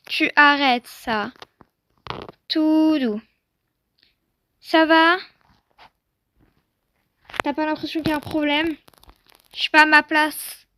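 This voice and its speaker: A woman's voice: high-pitched, fairly even intonation, takes it slowly, pauses often, slight background noise. A young woman commenting on a horse-riding game while coaxing and calling her horse. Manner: soothing horse-talk, swinging to panicked shouting. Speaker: Roblox horse-riding roleplay streamer. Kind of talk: casual gameplay commentary talking to her virtual horse.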